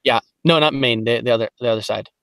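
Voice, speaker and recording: A man's voice: medium pitch, fast talker, gravelly, a bit bright, clear, resonant tone, dry recording. Man, voice actor, casual podcast guest, playful, mid-range voice, dry sound. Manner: playful, slips into character accents mid-story.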